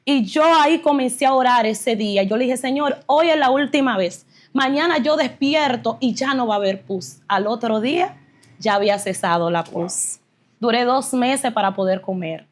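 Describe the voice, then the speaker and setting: A woman's voice: a little high, normal speed. A woman tells her faith testimony as a guest in an earnest, fervent way. Her voice sits a little above the usual female range. She speaks with real emotion throughout. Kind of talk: personal religious testimony.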